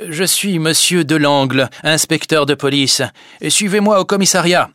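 A man voicing a confident fake police inspector who gives brisk orders. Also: a little high, pushed and bright, no room sound, studio quality, voice pushed up. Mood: commanding.

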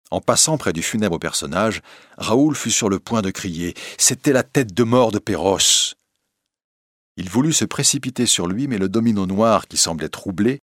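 Male narrator, low-pitched, dry studio read, steady dramatic storytelling. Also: no room sound.

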